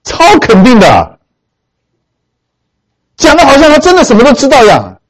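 A man from Hunan, China, preaching a sermon as he tells a story with animated emphasis, often turning to ask his listeners questions. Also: very high-pitched, normal speed. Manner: animated, emphatic, keeps asking the audience questions.

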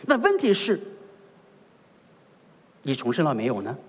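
A man preaching a sermon in a husky voice, his pitch swinging widely as he presses each point. He keeps turning to the congregation with rhetorical questions. The long reverb of a large hall trails after every phrase. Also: huge pitch swings, a little slow. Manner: rhetorical, often asks the listeners "right?". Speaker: pastor.

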